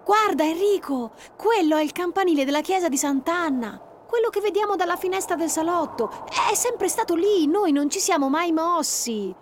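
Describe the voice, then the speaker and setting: A woman's voice: extremely high pitch, lively intonation, brisk, few pauses, a little hiss or hum, voice pushed up. A woman voicing a practical, cheerful eight-year-old girl in a read-aloud children's story, eager and reassuring.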